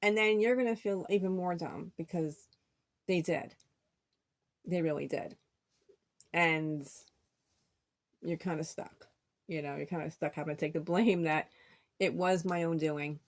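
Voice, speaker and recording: A woman's voice: lowish voice, fairly even intonation, measured pace, long pauses. A middle-aged woman telling a personal story in a rambling vlog monologue, repeating words and acting out what friends said. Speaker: vlogger.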